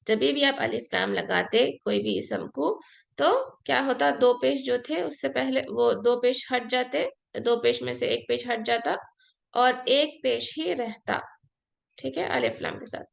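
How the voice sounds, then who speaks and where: Woman Arabic tutor, fairly high voice, gravelly, patient step-by-step explainer. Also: measured pace. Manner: patient, explains step by step, mixes Hindi and English. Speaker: Arabic teacher. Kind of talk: online class lesson.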